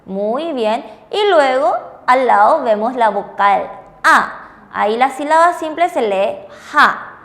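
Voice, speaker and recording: High-voiced woman teaching. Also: lively intonation, slow, a bit bright, long reverb tail. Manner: patient, checks understanding with frequent rhetorical questions. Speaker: Korean language teacher. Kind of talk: bilingual classroom lesson on TV.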